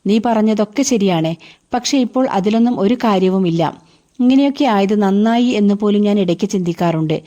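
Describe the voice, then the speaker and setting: A woman reading the lines of a guarded young man who explains himself softly, subdued and pleading. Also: medium pitch, brisk, lightly acted. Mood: resigned. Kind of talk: audiobook character reading.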